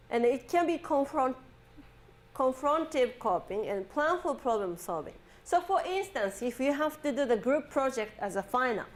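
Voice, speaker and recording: Woman professor, fairly high voice, lively storytelling lecture that plays out the dialogue. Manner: chatty storytelling between textbook definitions; animated, acting out quoted dialogue. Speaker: psychology professor. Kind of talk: classroom lecture.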